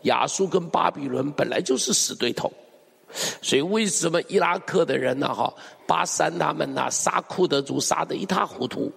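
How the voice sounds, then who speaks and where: A man's voice: fairly high pitch, moderate pace, vocal fry, fairly bright tone, husky, big-room sound. A male pastor preaching a sermon, emphatic and full of rhetorical questions to the congregation. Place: church hall.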